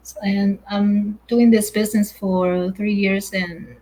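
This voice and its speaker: A woman's voice: mid-range voice, little pitch movement, slow pace, mellow, rough recording. A middle-aged woman from Taiwan, hosting a live online chat over a video call in a chatty, hesitant way, full of "uh" and "you know". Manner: chatty, hesitant, with many fillers. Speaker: host.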